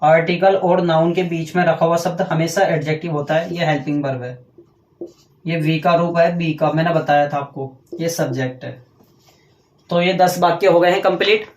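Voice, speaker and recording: A man's voice: a little high, fairly even intonation. Echoey male teacher explaining grammar. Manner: explains step by step, asks questions and answers them himself; dictates slowly while writing on a board. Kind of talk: classroom grammar lecture.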